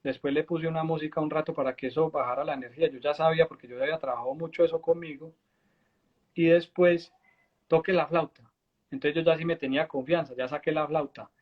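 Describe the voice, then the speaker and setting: High-voiced man telling stories. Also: fast, highs cut off. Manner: animated storyteller, acts out his own past dialogue. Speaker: spiritual guide and musician. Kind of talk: storytelling in a conversation.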